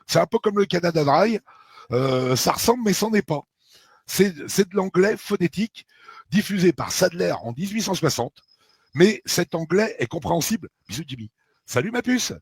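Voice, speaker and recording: A man's voice: sits high, expressive, moderate pace, creaky, husky, dry recording. A middle-aged man from France, talking casually and emphatically with many fillers and asides. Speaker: researcher of a historical mystery. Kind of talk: casual conversation.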